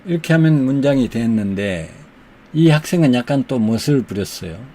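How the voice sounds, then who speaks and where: A man teaching English, who says the English example sentences slowly and deliberately and explains them more quickly. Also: medium pitch, animated, dark tone. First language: Korean. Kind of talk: slow explanatory lesson.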